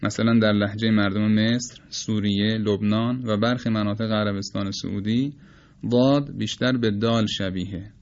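Measured man lecturing, dull lo-fi sound. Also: fairly low pitch, steady tone, a little mellow. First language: Persian. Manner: measured, explanatory, demonstrates sounds slowly. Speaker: teacher of Quranic recitation. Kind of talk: spoken lecture on phonetics.

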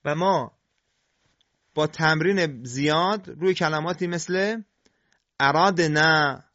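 A man teaching Quran recitation, explaining how letters are formed and slowly sounding them out to demonstrate. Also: on the high side, a bit bright, no echo, muffled recording. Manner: slow, deliberate, demonstrates sounds. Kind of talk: scripted instructional lesson on tajweed.

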